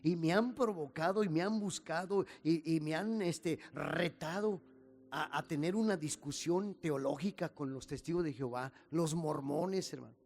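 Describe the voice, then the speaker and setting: A man's voice: a little high, moderate pace. A man, a pastor preaching a folksy sermon and praying, often calling listeners "little brother" and restarting his words. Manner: warm, folksy, calls listeners "hermanito", frequent restarts. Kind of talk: sermon and closing prayer.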